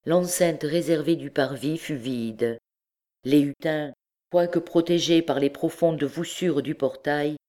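A woman reading a classic novel aloud, in steady, measured narration. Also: deep voice. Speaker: audiobook reader.

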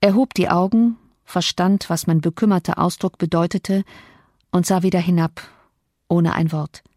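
A woman narrating a classic novel as an audiobook, in measured, even storytelling. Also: lowish voice, no echo, clean studio sound. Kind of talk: scripted literary narration.

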